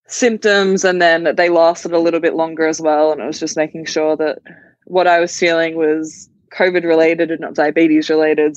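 A young woman chats easily as a podcast guest, filling pauses with ums and likes. Her audio comes through dull and dry, like a remote call, with no room sound. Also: low-pitched, darkish tone, no echo. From Australia. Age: young adult. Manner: easygoing, many ums and likes. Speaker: guest, college basketball player. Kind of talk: casual interview chat.

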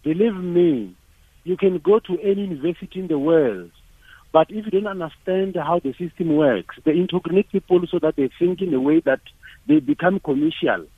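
A man's voice: high voice, expressive, brisk, no echo. A South African man, a native Sepedi speaker, calling a radio show by phone and arguing insistently, repeating phrases for emphasis. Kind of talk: opinionated phone-in argument. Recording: rough, narrow phone line.

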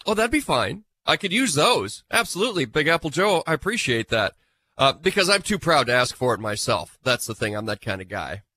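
A man's voice: fairly high pitch, sing-song, brisk, pushed and bright. A man filling in as host of a live farm radio show, sounding nasal from a cold and talking in a chatty, self-mocking way.

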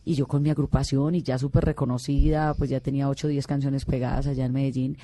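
A woman's voice: rumbling low, little pitch movement, fast, mellow, dry recording. A middle-aged Colombian woman, a singer, telling her life story in an earnest, heartfelt way with many restarts. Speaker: singer being interviewed. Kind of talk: emotional personal storytelling.

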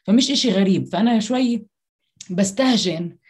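Woman, Palestinian Arabic accent, quick pace, earnest, explanatory, conversational interview guest. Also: medium pitch, a little mellow, husky.

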